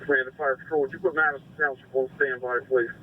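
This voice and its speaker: A man's voice: mid-range voice, steady tone, fast talker. A thin, narrow-band two-way radio carries a man's voice over faint noise. He is a fire commander giving terse, procedural firefighter calls in a businesslike way. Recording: tinny band-limited radio, background noise.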